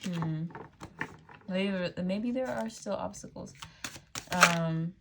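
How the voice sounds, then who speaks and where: A woman's voice: lowish voice, takes it slowly, very noisy. A woman giving a casual tarot reading straight to her viewers, chatty and loose, full of "like" and "um". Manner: chatty, frequent "like" and "um", laughs easily. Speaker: tarot reader.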